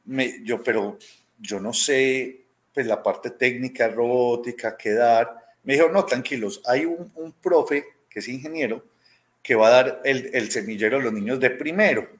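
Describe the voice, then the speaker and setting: At normal speed and medium pitch, a man in his thirties with a Colombian accent from Medellín tells stories casually in an interview. He's a robotics teacher joining by video call from a small indoor room at home, acting out quoted lines as he goes and often tacking on "¿cierto?".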